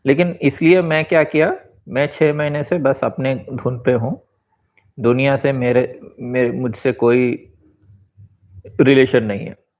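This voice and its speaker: A man's voice: medium pitch, fairly even intonation. A man in his forties from India, giving a rambling, reflective personal monologue and slipping into English phrases. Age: 40s. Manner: rambling, switches into English phrases, fills pauses with asides. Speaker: vlogger and author. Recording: tinny phone-like sound.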